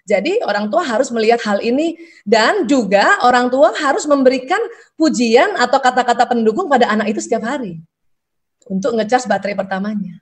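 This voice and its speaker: A woman's voice: fairly high pitch, lively intonation, a little fast, slightly rough. A middle-aged woman giving a parenting seminar, asking rhetorical questions and acting out short lines of parents and children. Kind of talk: lecture to an audience.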